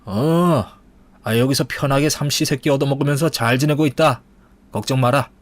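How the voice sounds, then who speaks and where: A man's voice: mid-range voice, moderate pace, close to an everyday voice. A man voicing a confident, protective older father who speaks firmly and reassuringly. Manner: firm, reassuring.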